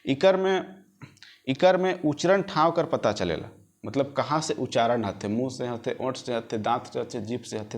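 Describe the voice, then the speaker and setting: Patient male teacher. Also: mid-range voice. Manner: repeats phrases, sounds out letters slowly, checks if students follow. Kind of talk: exam-prep grammar lesson.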